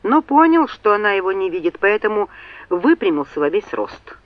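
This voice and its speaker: A woman narrating a novel in an expressive, lively storytelling manner. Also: mid-range voice, normal speed, no echo, highs cut off. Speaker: audiobook narrator. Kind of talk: scripted narration.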